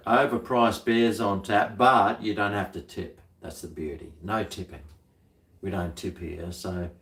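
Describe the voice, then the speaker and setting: A middle-aged man with an Australian accent chatting casually on a livestream, laid-back, blokey and full of slang. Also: on the low side. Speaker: livestream host. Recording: roomy, echoey sound.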